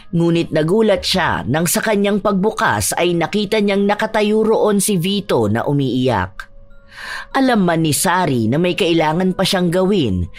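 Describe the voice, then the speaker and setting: A woman narrating a true horror story in a somber, measured scripted style. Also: lowish voice.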